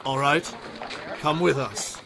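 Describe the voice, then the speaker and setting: A man's voice: mid-range voice, slow pace, gravelly, background noise. An actor playing a solemn exiled king, earnest and commanding, in a dramatized audio Bible. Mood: earnest, generous. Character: sorrowful exiled king, resigned yet commanding.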